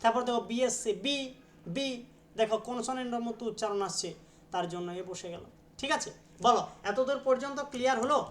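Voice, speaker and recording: A man with a very high voice teaches an online English grammar class a little fast, explaining step by step and repeatedly prompting students to pronounce words and answer. He is patient, repeating each sound many times, and there is slight background noise.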